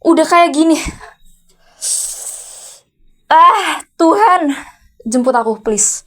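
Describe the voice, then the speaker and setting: A woman acting out a wealthy, unmarried aunt who runs her own company, heard in an ASMR role-play. She scolds in a high voice, firing sarcastic questions and sharp challenges at the teenager she looks after. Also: expressive, very slow, full character voice. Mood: scolding. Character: furious rich unmarried aunt, CEO, scolding teen. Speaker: VTuber role-play creator.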